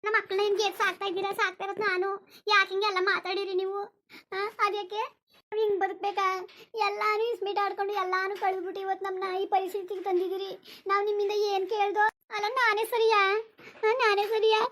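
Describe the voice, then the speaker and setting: A woman's voice: very high-pitched, flat delivery, fast, fairly bright tone. A woman voicing a poor, weary village mother of four who pleads and reproaches, for a cartoon. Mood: pleading.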